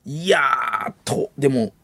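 A young man with a Kansai accent hosting late-night comedy radio, animated banter and voiced sound effects. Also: mid-range voice, takes it slowly, vocal fry, no room sound. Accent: Kansai Japanese. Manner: animated, mimics jingles and sound effects with his voice. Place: radio studio. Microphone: studio mic.

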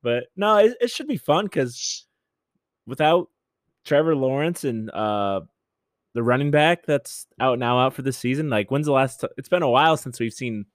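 A man's voice: medium pitch, lively intonation, moderate pace, no room sound, studio quality. A man co-hosting a casual sports chat, easygoing and loose, often restarting his sentences. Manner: easygoing, hesitant restarts, laughs along. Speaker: sports podcast co-host.

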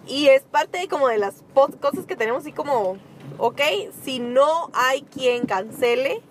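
A young woman with a Guatemalan accent, co-hosting a casual chat from inside a car, expressive and emphatic, laughing often. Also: high-pitched, slight background noise. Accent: Guatemalan Spanish. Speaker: podcast co-host, small bakery owner.

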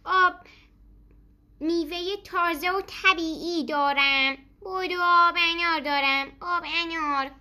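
A street juice seller bellowing his wares in a high, bright singsong, as a woman storyteller puts him on. He hawks loudly and sharply, stretching every call. A children's storybook voice. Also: fairly even intonation, heavily acted. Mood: hawking. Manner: loud singsong street calls. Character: shouting male juice seller at street stall.

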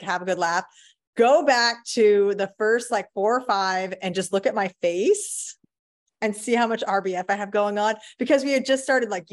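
A woman co-hosting a podcast in casual chat, a mother talking candidly and wryly in long rambling stretches. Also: mid-range voice. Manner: candid, rambling, wry humor. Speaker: podcast co-host; parent.

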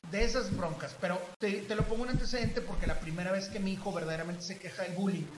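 A man with a Mexican accent telling a story in a casual chat, animated and acting out the voices of the people he quotes. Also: high voice, quick pace. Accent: Mexican Spanish. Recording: echoey room with background noise.

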